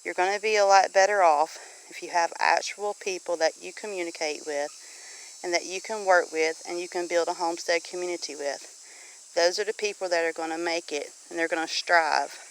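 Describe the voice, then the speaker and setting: Outdoors on her homestead, a middle-aged Southern US woman vlogger delivers an informal, preachy monologue to viewers, earnest and exhorting and repeating phrases for emphasis. Her lowish voice is brisk with fairly even intonation, on a low-quality recording with slight background noise.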